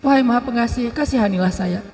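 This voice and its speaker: A man voicing a pleading old grandmother who begs softly and over and over for a child. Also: a little high, fast talker, close to an everyday voice. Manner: pleading, soft, repetitive. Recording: long hall reverb.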